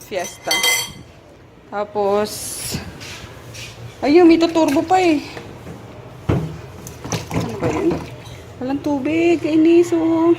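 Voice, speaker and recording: A high-pitched woman talks through her day in an unhurried, chatty home vlog, sometimes dropping into a sing-song baby voice for her pets. She films on a handheld camera as she moves around the house, and household noise runs clearly underneath. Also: very animated. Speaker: vlogger. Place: family house, moving between rooms and stairs. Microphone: handheld compact camera. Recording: noisy home recording.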